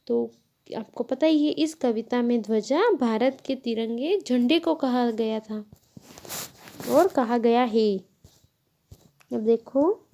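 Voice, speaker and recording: A woman teacher slowly walking children through a lesson, explaining each step patiently and correcting herself as she goes. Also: a little high, warm tone. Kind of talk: Hindi grammar lesson.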